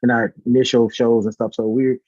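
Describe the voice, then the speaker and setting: A man speaks as an interview guest, a singer and concert organizer, chatting casually and informally. He's talkative and repeats words for emphasis, with a medium-pitched, level, brisk voice that has a darkish tone. The lo-fi recording has no echo.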